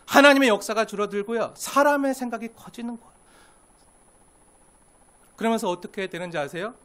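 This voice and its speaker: A male pastor preaching a sermon in an earnest way, rising to emphatic lines and dropping to hushed asides, acting out quoted complaints. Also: high voice, fairly quick. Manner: acts out quoted complaints in a sharper, pushier voice.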